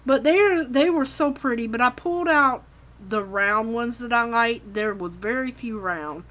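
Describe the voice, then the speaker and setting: This craft tutorial host has a slightly high, somewhat bright voice and keeps a measured pace. She demonstrates casually and folksily, talking to herself, while a machine and vacuum pump run in the background.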